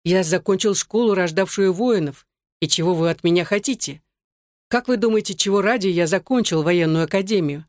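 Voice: mid-range voice, brisk, dry recording, studio quality, natural voice. An audiobook reader voicing a defiant young man just out of military academy, arguing in a raised voice. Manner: argumentative, raised voice. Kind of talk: audiobook reading.

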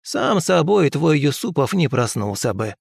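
A man's voice: a little high, big pitch swings, unhurried, gravelly, slightly rough, no echo, studio quality, pitched above the performer's own voice, full character voice. A man doing a cackling old village crone. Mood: grumbling. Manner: scolding, folksy, cackling. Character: shrewd, bossy old village wise woman. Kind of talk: audiobook character voice.

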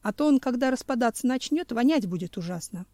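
A woman's voice: fairly high pitch, animated, quick pace, mellow, no echo, natural voice. A woman reading an audiobook, voicing an easygoing male crewman who jokes a lot. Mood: joking.

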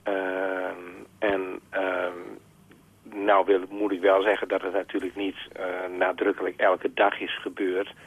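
Man, radio show caller, telephone line, deep voice, raspy, halting and earnest. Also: monotone. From Groningen, Netherlands. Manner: halting, earnest, searches for words. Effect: heard over a telephone line. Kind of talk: phone-in conversation.

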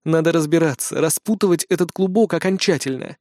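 Male audiobook narrator, high voice, dry close sound, steady storytelling. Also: brisk, no echo.

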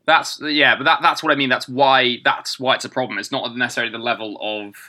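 A man co-hosting a casual political comedy podcast, talking in quick, sarcastic bursts and giggling often. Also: medium pitch, fairly even intonation, sharp tone, slight background noise. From southern England. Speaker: podcast co-host.

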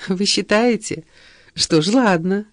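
A woman's voice: on the low side, big pitch swings, measured pace, darkish tone, no echo, studio quality. Audiobook bit: a woman as a gracious, absent-minded teacher, lilting and polite. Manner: polite, distracted.

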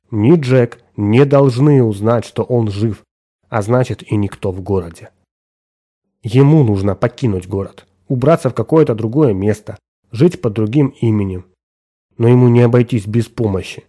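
A man narrating a scripted story in a steady, dramatic manner. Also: mid-range voice, normal speed.

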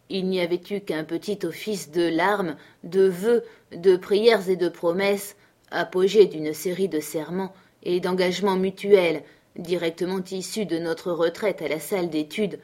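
A woman narrating a classic novel as an audiobook in a measured, clear reading. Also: fairly low pitch, darkish tone.

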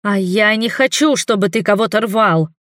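A man's voice: moderate pace, fairly bright tone, dry recording, studio quality. A man voicing a fiery, indignant young heroine. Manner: shrill, indignant outbursts. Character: fiery defiant young woman heroine, hot-tempered. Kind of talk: audiobook character voice.

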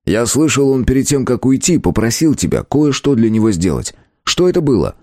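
Male reader as a gruff, barking curator, blunt and pushy, lively delivery. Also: mid-range voice, brisk, no room sound, studio quality, pitched above the performer's own voice, natural voice. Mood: pressing.

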